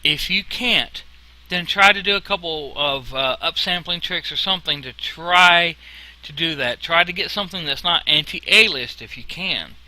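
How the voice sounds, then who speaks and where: A man narrates an informal screen tutorial in a very bright, sharp voice pitched a little high. His s sounds whistle, and he explains things in a casual, folksy way. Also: moderate pace, poor audio. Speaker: software tutorial instructor.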